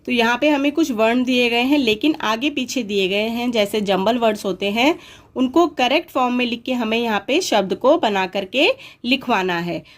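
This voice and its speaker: A woman's voice: a little high, moderate pace. A woman teaching a worksheet lesson to young children, patiently sounding out words syllable by syllable.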